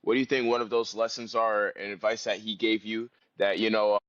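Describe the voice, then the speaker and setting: A man's voice: lowish voice, little pitch movement, fairly quick, fairly bright tone, no echo. Laid-back male co-host, dull lo-fi line. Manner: laid-back, repeats "solid". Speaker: podcast co-host. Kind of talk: casual interview questions. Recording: dull dry lo-fi remote sound.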